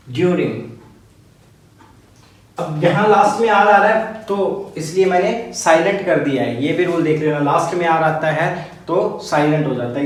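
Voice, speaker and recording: Male teacher, fairly high voice, patient and repetitive, recorded in a very echoey room a little off-mic. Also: recorded from a distance. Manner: patient, repetitive, checks in with "ok, clear?". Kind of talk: phonetics lesson explaining symbols step by step.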